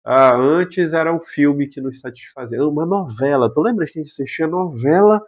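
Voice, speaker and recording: A man's voice: a little high, normal speed. A man, a psychologist talking casually on a podcast and explaining with rhetorical questions. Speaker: psychologist guest.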